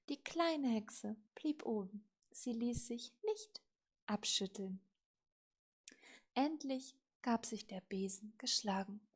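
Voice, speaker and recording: A woman narrating a children's storybook slowly and softly, often near a whisper. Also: on the high side. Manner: slow, soft and breathy, often near a whisper. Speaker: audiobook reader.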